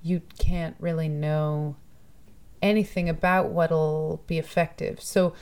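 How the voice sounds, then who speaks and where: A Toronto musician appears as a guest in a casual interview, speaking thoughtfully and chattily and laughing often. Her voice sits low and is a little mellow, with a steady tone and a slow pace.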